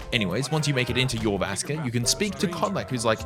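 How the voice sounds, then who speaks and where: A man's voice: medium pitch, big pitch swings, moderate pace. A man hosting a gaming video, delivering scripted commentary in a sarcastic, jokey manner with frequent swearing. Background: background music.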